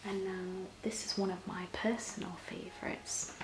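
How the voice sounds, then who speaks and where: A woman in a whispered role-play as a personal shopper, soft-spoken and often breathy, explaining things gently and a little hesitantly. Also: medium pitch, flat delivery, moderate pace. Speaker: ASMR performer playing a personal shopper. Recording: roomy echo, clear background noise.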